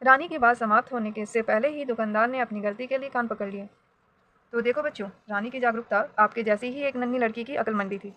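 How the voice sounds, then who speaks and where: A woman teacher with a bright, clear voice and a slightly high pitch. She reads a storybook aloud to children and explains its words in an instructive tone, addressing her students directly. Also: brisk, low-quality recording.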